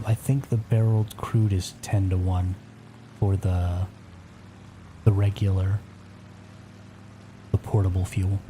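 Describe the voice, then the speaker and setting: A man whispering quietly as he chats casually on a live gameplay stream. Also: fairly low pitch, a little hiss or hum.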